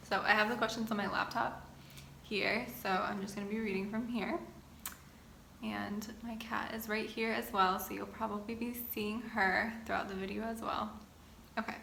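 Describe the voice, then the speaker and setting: Bright-voiced young woman chatting in an echoey room. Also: medium pitch, gravelly. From Boston area, United States. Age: 20s. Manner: chatty, reads questions then answers at length. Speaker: vlogger. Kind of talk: sit-down get-to-know-me chat. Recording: echoey room with faint ambient noise.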